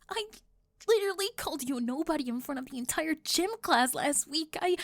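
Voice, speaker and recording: In an ASMR roleplay, a woman plays a flustered teenage cheerleader bully hiding a crush, stammering and drifting into breathy half-whispers. Her very high voice is pushed up, with clean studio sound and no room sound.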